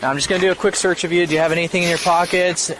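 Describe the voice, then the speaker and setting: A male police officer talks quickly and plainly, walking someone through roadside procedure in a matter-of-fact way. It is body cam audio, with vehicle and street noise clearly audible behind him. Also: high voice, fairly even intonation. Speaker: police officer making a drunk-driving arrest. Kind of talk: procedural spoken instructions at a roadside stop. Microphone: body-worn camera microphone. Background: vehicle and ambient noise.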